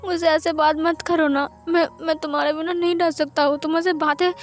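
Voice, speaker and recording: A woman voicing a young man who pleads tearfully with his lover, in a soft, pleading way. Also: high-pitched, flat delivery, a little fast, faint music behind, natural voice.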